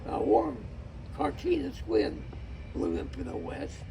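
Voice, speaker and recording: A man with a folksy cowboy drawl, reciting rhyming cowboy poetry like a storyteller in a gravelly voice. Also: extremely high pitch, huge pitch swings, takes it slowly, background noise.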